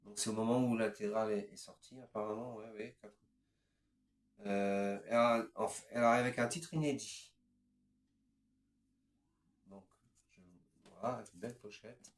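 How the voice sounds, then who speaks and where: A man's voice: fairly low pitch, steady tone, normal speed, long pauses, a little hiss or hum. A man in his fifties casually presenting his record collection, hesitant and chatty, moving item to item with frequent filler words. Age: 50s. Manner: hesitant, strings items together with "voilà" and "ensuite". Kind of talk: casual show-and-tell. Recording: roomy echo.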